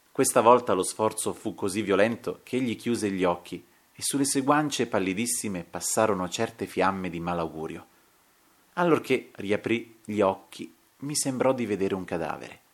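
A man narrating a story in a calm, measured audiobook reading. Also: lowish voice.

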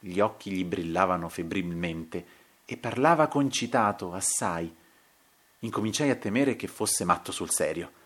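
Male audiobook narrator, fairly low voice, calm and measured. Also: slightly rough. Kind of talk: audiobook reading of a story.

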